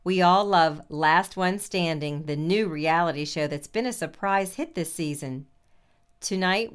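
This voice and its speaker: A woman delivers scripted narration in a formal manner. Her voice is a little low, smooth and very clean. Each phrase is carefully enunciated. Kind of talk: scripted narration for listening practice.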